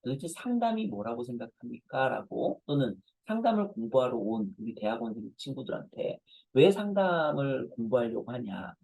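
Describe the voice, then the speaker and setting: A man's voice: medium pitch, creaky, mellow, breathy edge, no echo, rough recording. A man in his forties, a professor, giving a conversational lecture to parents and telling self-deprecating stories.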